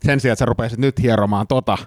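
A man's voice: mid-range voice, steady tone, darkish tone, no echo, studio quality. A man hosting a comedy podcast, chatting loosely and rambling with fillers and swearing. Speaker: podcast host. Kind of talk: casual chat.

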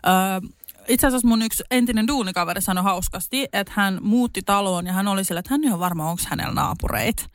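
A young woman co-hosting a podcast in casual chat, telling lively stories and acting out the quotes. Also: mid-range voice, no room sound. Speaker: podcast co-host.

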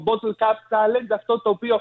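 Male co-host with a notably high voice, heard through a tinny, phone-like sound. He delivers news items in a dry, matter-of-fact way during studio banter. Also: completely flat delivery. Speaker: show co-host.

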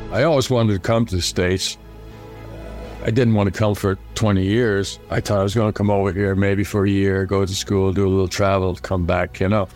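A man from Ireland with an Irish accent, reminiscing in a relaxed, conversational way. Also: low-pitched. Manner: relaxed, conversational, many fillers. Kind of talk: casual reminiscing.

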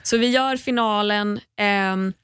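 A woman's voice: mid-range voice, fairly bright tone, smooth, no echo, studio quality. A young woman, a podcast guest, tells a story in casual chat, swears often and acts out what people said. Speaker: podcast guest, reality show contestant.

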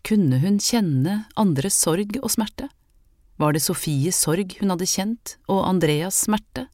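A woman reading a historical novel aloud in calm, measured narration. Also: lowish voice, no room sound, clean studio sound. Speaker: audiobook reader. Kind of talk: scripted narration.

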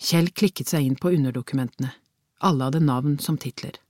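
An audiobook narrator reading a crime novel in an even, measured way, recorded close in a dry booth. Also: mid-range voice, no room sound.

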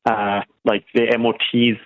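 A man's voice: medium pitch, flat delivery, unhurried. A man with a Kerry accent from the west of Ireland, calling a radio phone-in to give his opinion, stumbling and repeating words as he goes. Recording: dull lo-fi phone-in line.

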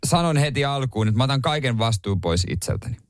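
A man co-hosting a radio morning show, chatting casually and getting animated when exasperated. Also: mid-range voice, clear, resonant tone, dry recording, clean studio sound. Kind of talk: casual studio banter. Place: radio studio. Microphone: studio microphone.

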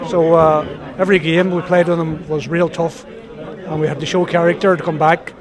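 A man's voice: on the high side, flat delivery, moderate pace, a crowd in the background. A man in his sixties with a Donegal Irish accent, reminiscing casually as a former footballer in an interview. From County Donegal, Ireland.

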